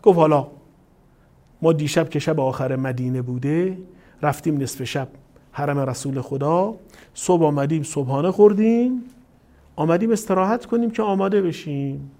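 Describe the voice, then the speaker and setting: Animated Persian cleric, dark mellow voice. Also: male voice, a little high. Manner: animated retelling, acting out quoted voices. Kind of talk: sermon with storytelling.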